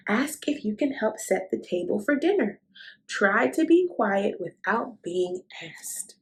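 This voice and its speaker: This woman's medium-pitched voice swings widely in pitch as she takes her time. She hosts a children's read-aloud show, reading a picture book to young children and addressing them directly with encouragement, instruction, questions and affirmations.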